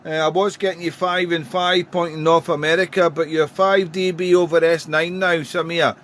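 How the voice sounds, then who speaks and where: High-pitched British man working the radio. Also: level tone, fairly bright tone. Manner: deliberate, using radio call phrases. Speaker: amateur radio operator. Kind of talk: casual radio contact chat. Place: home radio room.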